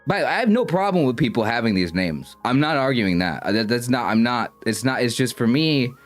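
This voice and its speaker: A young man chats loosely with his stream viewers, wandering through his thoughts and tripping over half-started sentences in a self-conscious way. His voice sits at an ordinary middle pitch. Faint music plays underneath. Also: big pitch swings, a little fast. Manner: rambling, self-conscious, stumbling over restarts. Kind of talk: casual livestream chat with viewers.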